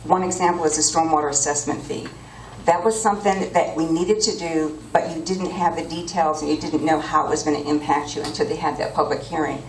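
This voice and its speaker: A woman's voice: deep voice, fairly even intonation, a little fast, slight background noise. A woman giving an earnest, appealing campaign speech as a political candidate. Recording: echoey room from far off.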